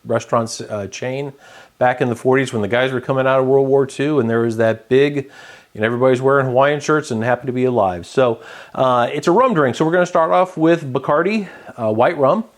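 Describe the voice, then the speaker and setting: A man hosting his own cocktail vlog, explaining a drink step by step in a relaxed, chatty way with many fillers. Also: mid-range voice, fairly quick. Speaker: home bartender host. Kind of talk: casual cocktail-making vlog.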